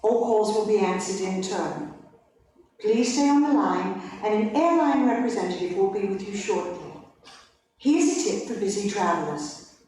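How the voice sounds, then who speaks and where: A woman's voice: mid-range voice, moderate pace. A woman giving a polite scripted recorded phone message on an airline hold line. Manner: polite, even scripted reading. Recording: echoey playback heard from far off.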